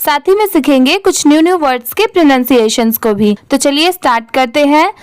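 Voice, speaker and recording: A woman's voice: high-pitched, brisk, no room sound. A young woman teaching English reading, spelling each word letter by letter and checking in with her viewers. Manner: spells words letter by letter, asks "ठीक है?" often. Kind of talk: slow spelling-out lesson.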